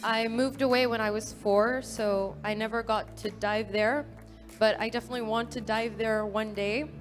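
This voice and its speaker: A fifteen-year-old girl from New Caledonia gives an earnest, prepared talk as a youth speaker at a dive expo, with fillers and small self-corrections. Her voice is fairly high and steady in tone at a moderate pace, with soft music in the background.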